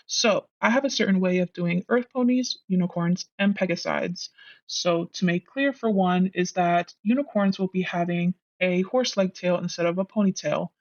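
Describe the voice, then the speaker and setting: A chatty artist narrates a video in a voice altered by a voice changer, so the sex is unclear and the tone sounds artificial. The pitch sits in a middle range and the delivery is earnest, with casual asides. Music plays softly behind. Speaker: host, digital artist. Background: background music.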